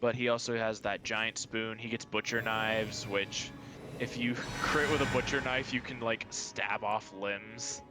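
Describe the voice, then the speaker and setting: A man's voice: lowish voice, fairly even intonation, a little slow, over music. Chatty guy gaming with a friend. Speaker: streamer playing co-op. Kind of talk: casual gaming chat.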